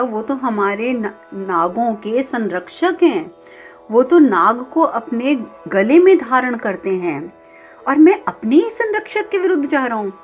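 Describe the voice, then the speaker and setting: A woman's voice: mid-range voice, close to an everyday voice. Woman narrator as a penitent male serpent king, brooding and repetitive, dull lo-fi tone, faint sitar. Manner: brooding, repeating himself in inner struggle.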